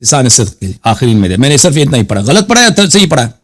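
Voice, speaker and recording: A man hosting a live call-in show, arguing hotly with a caller, cutting him off and reciting Arabic scripture slowly. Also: medium pitch, big pitch swings. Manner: combative, keeps cutting the caller off. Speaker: host. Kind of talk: heated live call-in debate.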